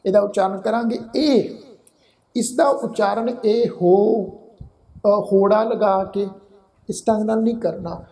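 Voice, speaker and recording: A man with a Punjabi accent patiently teaching Gurbani pronunciation, explaining slowly and politely, then chanting verse lines drawn out. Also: sits high, mellow. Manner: addresses listeners politely as "ji". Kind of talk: scripture recitation lesson.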